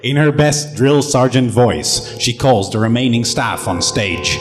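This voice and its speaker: A man's voice: mid-range voice, lively intonation, a little slow. Young man narrating a stage play. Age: young adult. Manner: reads the stage directions aloud. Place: large stage hall. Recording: hall reverb with music behind.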